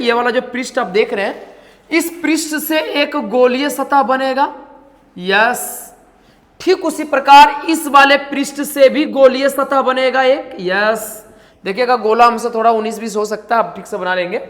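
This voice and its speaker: High-voiced man teaching in a reverberant room. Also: fairly bright tone. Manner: asks rhetorical questions and answers them himself, repeats phrases. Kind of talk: classroom-style lecture.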